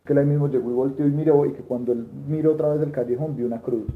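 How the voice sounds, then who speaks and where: A man's voice: mid-range voice, steady tone, racing. A man, telling a testimony story in a Bible study class, rambling with restarts and quoted dialogue. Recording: tinny lo-fi room recording with faint noise.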